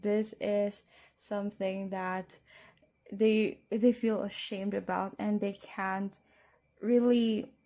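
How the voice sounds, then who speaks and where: A woman's voice: mid-range voice, warm tone. A woman giving a casual tarot reading, speaking to the listener as a fortune teller. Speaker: tarot card reader.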